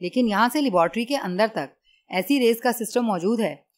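A woman's voice: on the high side, expressive, normal speed, natural voice. A woman voicing a frightened middle-aged male lab engineer in an audiobook, stammering and pleading with his captor. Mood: defiant.

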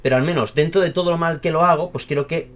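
A young man with a Spain Spanish accent, casually explaining a camera problem in an animated, exaggerated way, full of fillers and swearing. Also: fairly high pitch, fast talker. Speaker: math teacher and YouTuber. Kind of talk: casual rambling tech explainer.

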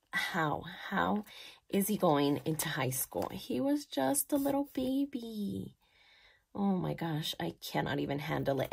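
A woman in her thirties talking her way through a planner layout in a relaxed, unhurried way. Her voice sits low with a gravelly edge, yet swings widely up and down as she gushes over little details and thinks aloud. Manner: chatty and gushing, thinking aloud, soft at times. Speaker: planner vlogger. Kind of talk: casual voice-over while decorating a planner.

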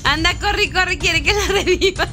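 A young woman from Mexico with a northern Mexican accent, commentating a video game with friends in a loud, shrieking, teasing, laughing way. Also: high-pitched. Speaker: gaming streamer. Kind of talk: excited gameplay commentary with friends.

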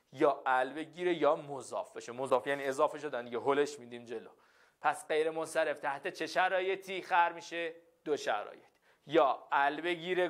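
A man's voice: fairly high pitch, fairly bright tone. A male teacher giving a classroom lesson, repeating phrases and often checking that the students follow.

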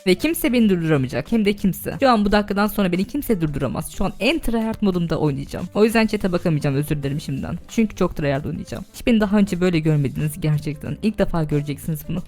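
Fast-talking young woman streaming a game. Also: lowish voice, lively intonation, darkish tone, soft background music. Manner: chatty, talks to chat, bursts into shrieks and laughter. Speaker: streamer and server admin. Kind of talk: casual live gaming stream chat.

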